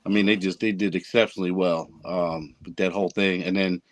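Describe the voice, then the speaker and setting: A man on a live stream panel sharing earnest, measured opinions in casual chat. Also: sits low, steady tone, no echo.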